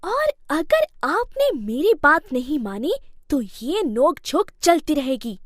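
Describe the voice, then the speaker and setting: Cartoon role: bratty young wife, a woman playing her, slow and lively in pitch, dry sound. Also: dry recording, heavily acted. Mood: defiant. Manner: whiny and snappish, lively pitch. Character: spoiled, defiant young Indian wife. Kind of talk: cartoon storybook voice acting.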